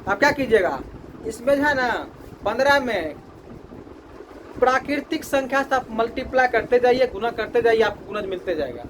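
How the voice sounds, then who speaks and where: A man's voice: very high-pitched, expressive, normal speed, a bit bright, slight background noise, rough recording. A man teaching a maths class, repeating his questions to the students and drilling the answers.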